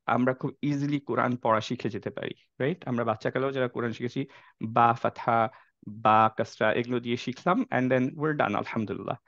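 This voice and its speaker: A man's voice: medium pitch, fairly bright tone, no room sound. A man teaching a class on the Quran. He explains step by step, mixes English phrases into his sentences and keeps checking that the class is following. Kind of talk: classroom lecture. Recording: dry, slightly dull lo-fi sound.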